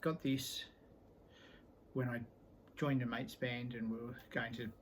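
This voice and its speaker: In a casual show-and-tell vlog, a middle-aged guitar collector walks through his instruments, easygoing and rambling, often pausing on an um and letting sentences trail off. His pitch is an ordinary middle range, and the rough recording has a faint ambient hum underneath.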